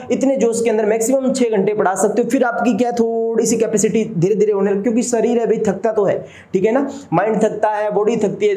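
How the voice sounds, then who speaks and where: High-voiced teacher drilling facts. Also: male voice, mellow. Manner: fast, drilling, asks "clear?" and answers himself. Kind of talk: exam-prep history lesson. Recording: echoey room.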